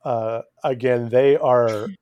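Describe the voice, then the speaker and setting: A man's voice: mid-range voice, steady tone, slow, no echo, muffled recording. A man running a tabletop game, narrating and refereeing in an explanatory way with hesitant phrasing. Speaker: game master.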